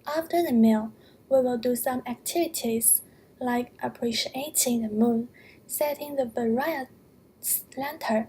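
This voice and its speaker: A young woman from China with a Chinese accent, a student reading a prepared narration in a careful, measured way. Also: fairly high pitch, mellow, a little hiss or hum.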